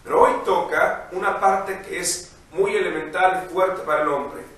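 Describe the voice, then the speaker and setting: A man's voice: high-pitched, unhurried, fairly bright tone. A male priest reading scripture and preaching a homily to the faithful. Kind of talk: gospel reading and sermon. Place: inside an echoing church. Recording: roomy echoing church, distant mic, faint noise.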